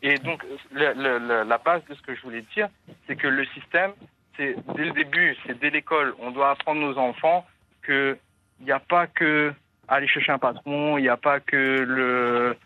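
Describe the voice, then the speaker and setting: A man's voice: mid-range voice, fairly even intonation, normal speed. A man calling in to a radio talk show over a landline phone, giving his view earnestly and thinking aloud as he goes. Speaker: caller. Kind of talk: radio call-in comment. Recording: dull lo-fi phone line.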